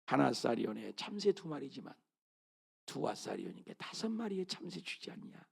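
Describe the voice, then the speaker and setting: Lively, gravelly-voiced preaching man. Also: medium pitch, moderate pace. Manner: animated preaching, swings from loud calls to hushed murmurs; keeps asking the congregation questions. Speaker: pastor. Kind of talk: sermon.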